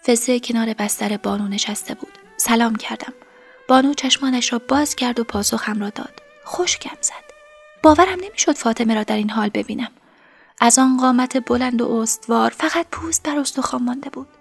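A woman narrating a story in the first person, softly and emotionally, in a breathy, whispery voice. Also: on the high side, soft background music. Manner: soft, emotional, tearful storytelling.

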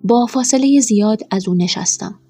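A woman narrating a first-person story in a quiet, measured way. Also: a little high, breathy edge, soft background music.

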